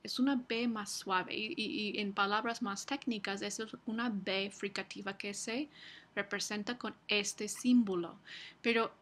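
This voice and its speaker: Slow, husky woman lecturing. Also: mid-range voice, steady tone, a bit bright. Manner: slow, explanatory, with frequent fillers and restarts. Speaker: university lecturer. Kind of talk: recorded lecture.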